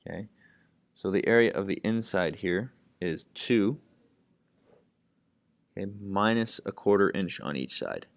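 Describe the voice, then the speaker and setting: A man's voice: low voice, animated, a little slow, creaky, pauses often, no echo. A man explaining math problems step by step, thinking aloud and saying "okay" at nearly every step. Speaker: math tutor. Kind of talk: lesson narration while writing.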